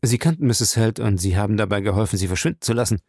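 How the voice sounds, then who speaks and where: A man's voice: lowish voice, lively intonation, fast talker, a little mellow, no echo, studio quality. A man voicing a blunt, interrogating male police captain in an audiobook. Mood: stern.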